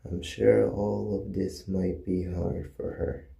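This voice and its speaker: A man plays a kindly cartoon dog mascot with a very dark, mellow, heavily gravelled voice. He speaks soothingly and encouragingly, like a patient guide welcoming a newcomer. The sound is roomy and echoing. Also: low voice, level tone, slow pace, full character voice. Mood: calm, coaxing. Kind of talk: character voice lines.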